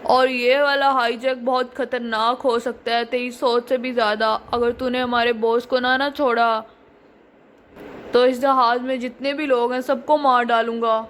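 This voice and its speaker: A woman's voice: high voice, slight background noise. A woman voicing a menacing male plane hijacker who barks threats in a doll story. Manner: threatening, barking orders. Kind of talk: doll story role-play.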